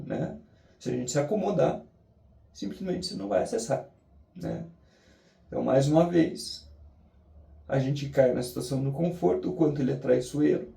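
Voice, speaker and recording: Dark-voiced, gravelly Brazilian man. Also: fairly high pitch. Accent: Brazilian Portuguese. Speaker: daily challenge vlogger. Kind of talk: reflective, motivational vlog talk. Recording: roomy echo, distant mic.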